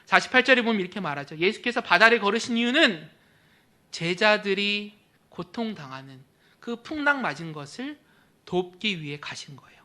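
Pastor guy preaching in church, high sharp voice, gets loud then goes almost whispery. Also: lively intonation, moderate pace. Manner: emphatic preaching that drops to a near whisper at phrase ends. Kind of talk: sermon.

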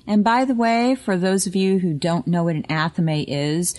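Woman, lowish pitch, casual podcast chat, emphatic, repeats herself, swears easily. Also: fairly even intonation, normal speed, darkish tone. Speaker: podcast co-host, witchcraft shop worker.

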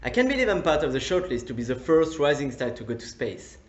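A man in his twenties from France with a French accent, giving an earnest, enthusiastic self-introduction pitch. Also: very animated, fast, echoey room, muffled recording. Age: 20s. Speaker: competition applicant.

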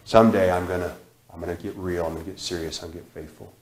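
Low-voiced preacher in an echoey church. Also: male voice, level tone, very fast. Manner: repetitive, emphatic preaching with sudden drops to quiet. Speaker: guest preacher. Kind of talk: sermon. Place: church sanctuary, large indoor room. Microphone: far camera, room mic.

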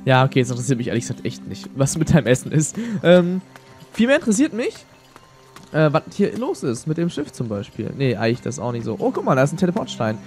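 Lively young man rambling over a game. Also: medium pitch, fast talker. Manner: slangy, rambling, thinking aloud. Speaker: let's player. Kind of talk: casual gameplay commentary. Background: game music.

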